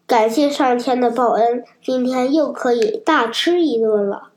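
Lady doing a gross green old fisherman, greedy, loud, kind of high. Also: measured pace, lightly acted. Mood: gleeful.

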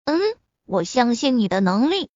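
A woman voicing a confident young male shop owner in an audiobook, speaking in a calm, assured way. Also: fairly high pitch, moderate pace, no room sound, pitched below the performer's own voice, lightly acted. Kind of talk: audiobook reading. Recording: dull lo-fi recording.

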